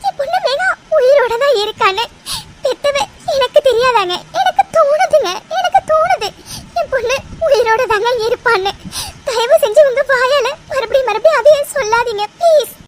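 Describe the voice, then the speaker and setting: A woman's voice: very high-pitched, expressive, quick pace, fairly bright tone, a little hiss or hum. A woman voicing a grieving, insistent middle-aged mother in a cartoon drama, crying as she speaks. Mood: tearful. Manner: insistent, emotional. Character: grieving mother, hopeful and tearful.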